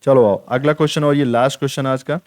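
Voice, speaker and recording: A man's voice: medium pitch, fairly even intonation, quick pace, darkish tone, no echo, studio quality. A young man teaching an online exam-prep lesson, repeating key points and checking in with his students again and again. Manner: repetitive, drills points with "theek hai".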